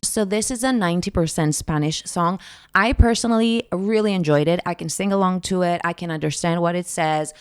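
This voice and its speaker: On her vlog, a young singer from Greece chats through her rankings of song contest entries, chatty and gushing, often doubling up her words. Her voice is lowish, brisk, clear and resonant, with faint music playing behind her.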